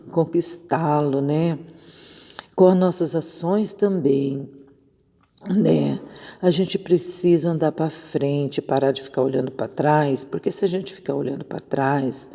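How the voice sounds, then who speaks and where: A woman's voice: low-pitched, creaky, dark tone, husky, big-room sound. A woman missionary preaching an informal devotional on a Bible verse, conversational and often checking in with her listeners. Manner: conversational, keeps asking "né?".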